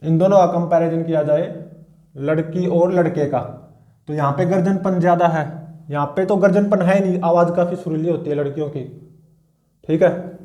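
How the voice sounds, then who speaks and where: A man's voice: on the high side, fairly even intonation, normal speed, warm tone, reverberant, lo-fi sound. A man teaching physics in a classroom-style lecture. He repeats his points and keeps checking in with his students.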